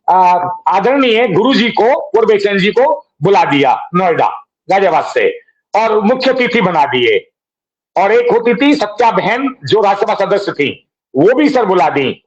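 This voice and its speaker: A man's voice: sits high, sing-song, measured pace, lo-fi sound. A middle-aged man reminiscing casually as a guest, rambling and calling the host sir again and again. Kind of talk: casual reminiscing on a live online program.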